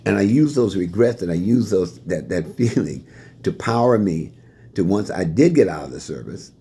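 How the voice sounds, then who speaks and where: An older man from Indiana, his voice low and mellow with a heavy husky grain. He tells stories from his life with lively, chuckling energy as he answers questions put to him. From Fort Wayne, Indiana, USA. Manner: animated, chuckling anecdotal storytelling. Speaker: retiring staff member sharing life lessons.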